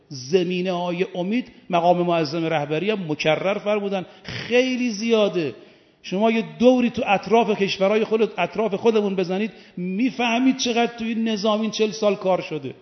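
A man preaching a Muharram sermon, stretching key lines out slowly and then rising sharply in pitch. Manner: preaching with slow emphatic lines and sudden swells in pitch. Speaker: cleric preaching. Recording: echoey hall, dull lo-fi sound.

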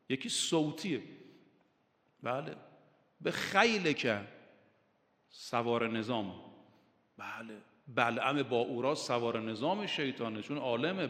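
A man's voice: mid-range voice, fairly bright tone. A male cleric preaching a sermon, telling stories and acting out the voices in them. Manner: storytelling, acting out quoted voices. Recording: long hall reverb.

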